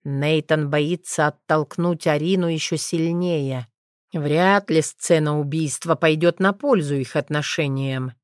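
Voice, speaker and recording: A woman narrating an audiobook in a steady, measured storytelling manner. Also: low voice, no echo, clean studio sound.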